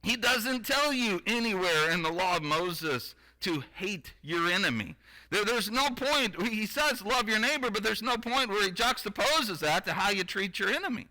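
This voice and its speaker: A man's voice: high voice, animated, moderate pace, sharp tone, low-quality recording. A man preaching a sermon. He reads scripture aloud, then explains it in a conversational way, with wry asides to the congregation.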